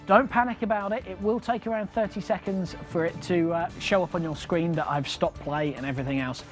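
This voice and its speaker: A man's voice: high-pitched, brisk, soft background music. A man hosting a live game as a bingo caller, announcing numbers in repeated traditional patter.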